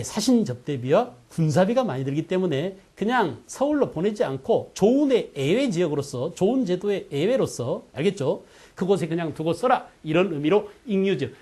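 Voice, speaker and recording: High-voiced man teaching history. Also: mellow. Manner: keeps checking in with students, asking "got it?"; quizzes students with rhetorical questions. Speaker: history lecturer. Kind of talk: online exam-prep lecture.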